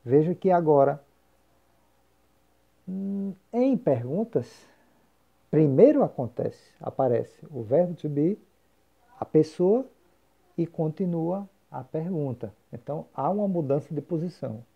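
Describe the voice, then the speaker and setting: Slow, gravelly teacher. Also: male voice, a little high, sing-song. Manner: slow, patient explaining with repeated example phrases. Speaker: English teacher. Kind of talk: recorded grammar lesson. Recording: dull lo-fi recording.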